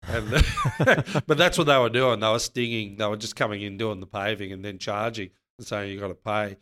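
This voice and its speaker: A man's voice: on the low side, moderate pace, sharp tone. A man co-hosting a business podcast, giving earnest advice in casual chat.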